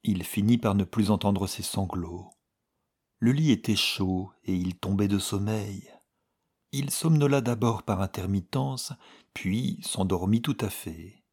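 A man reads a story aloud in an audiobook, grave and measured. His voice is low and husky, and he takes his time over every line. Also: a little mellow. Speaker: narrator. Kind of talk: audiobook reading.

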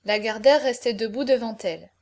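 Woman reading an old novel aloud, fairly high voice, goes quiet on the "he said" bits. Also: fairly quick. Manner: dropping quietly on speech tags. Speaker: audiobook narrator. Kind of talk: scripted narration of a classic novel.

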